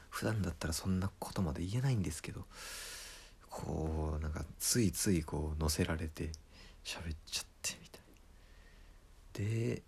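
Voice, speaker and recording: A man, a comedian, telling a story in a casual monologue, retelling it in a lively way and acting out the quoted lines. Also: low voice, vocal fry, husky.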